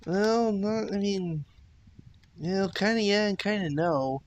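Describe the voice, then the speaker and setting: Male co-host, relaxed and giggly, very slow delivery, faint hiss. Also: high voice. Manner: laughs often, relaxed. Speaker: podcast co-host. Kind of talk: casual fan discussion.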